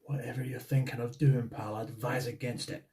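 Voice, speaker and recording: A man putting on a gruff Scottish gangster. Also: mid-range voice, level tone, a little fast, mellow, lightly acted. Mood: threatening. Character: hard Scottish gangster man, blustering, threatening.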